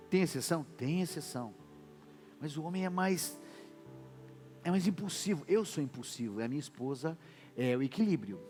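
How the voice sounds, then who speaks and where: A man, preaching a sermon as pastor and acting out what husbands and wives say in lively voices. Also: on the high side. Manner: animated preaching, acts out quoted wife and husband voices. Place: church. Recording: reverberant church hall with music behind.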